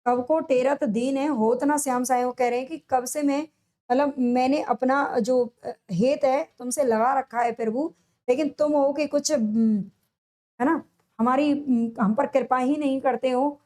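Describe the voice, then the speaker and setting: A woman with a high voice teaching an exam-prep lesson. She asks each question and answers it herself, and she stretches out and repeats the key answers so students remember them. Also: steady tone, darkish tone. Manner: drawn-out, stressed delivery on answers. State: sore throat.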